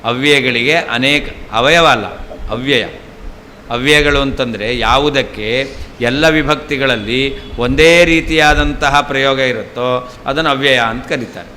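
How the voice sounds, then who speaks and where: A man's voice: mid-range voice, unhurried, bright, forceful tone. An older man, a scholar teaching a scripture class, explaining patiently and repeating key terms. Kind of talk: traditional scripture lesson. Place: temple hall. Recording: long hall reverb, faint ambient noise.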